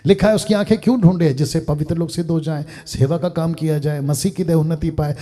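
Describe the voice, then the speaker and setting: Male pastor, high voice, fervent preaching that sinks to low asides. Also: fast talker. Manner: emphatic preaching with wide swings in loudness, dropping to near-murmurs; mixes English phrases into his preaching. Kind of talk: sermon.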